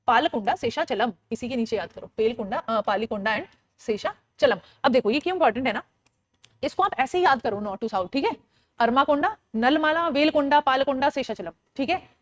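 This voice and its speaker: A woman's voice: sits high, no room sound. A woman teacher running an online exam-prep lecture, quizzing her listeners, answering her own questions and drilling lists in a sing-song chant, with English phrases mixed in.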